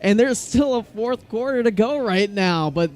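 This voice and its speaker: A man's voice: high-pitched, animated, normal speed, darkish tone. A man giving conversational football analysis as a color commentator during a live game.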